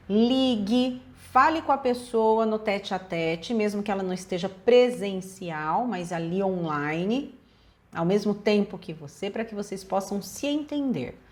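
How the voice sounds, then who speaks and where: A woman psychologist with a Brazilian accent giving relationship advice in a direct, emphatic way, speaking straight to viewers. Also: medium pitch. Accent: Brazilian Portuguese.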